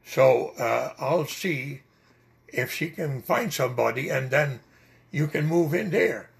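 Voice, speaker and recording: An older man with a Dutch accent and a deeply gravelly, creaky voice recounts his memories. He rambles and pauses often between words as an interviewee. His pitch sits in an ordinary middle range. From Netherlands. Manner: rambling storyteller with many hesitations. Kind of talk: oral history interview.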